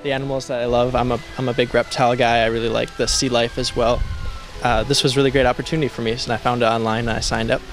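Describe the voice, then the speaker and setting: Ein junger amerikanischer Tiermedizin-Student plaudert draußen unbefangen und informell über seine Arbeit. Er spricht mit mittlerer, unauffälliger Stimmlage und Midwest-Akzent. Im Hintergrund ist klar Musik zu hören. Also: male voice, mid-range voice, fast. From central United States. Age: young adult. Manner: relaxed, informal, with fillers like 'like' and 'kind of'. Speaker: veterinary student volunteer. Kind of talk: casual interview. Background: background music.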